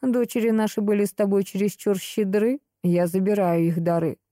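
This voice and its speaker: A menacing divine voice that taunts in soft, cold tones, read by a woman narrator. The tone is dark and mellow, and the recording is dry and close. It is an audiobook fantasy spirit. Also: medium pitch, fairly even intonation, normal speed, no echo, lightly acted. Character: mocking cruel chief divine voice, spirit.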